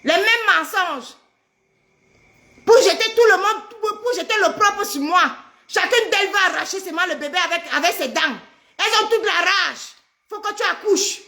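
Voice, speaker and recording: A woman's voice: very high-pitched, moderate pace. A middle-aged pregnant woman, ranting angrily on a live stream, trading insults and mocking her rivals. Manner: shouting insults, mocking, repetitive. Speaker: social media personality. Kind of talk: angry live-stream rant.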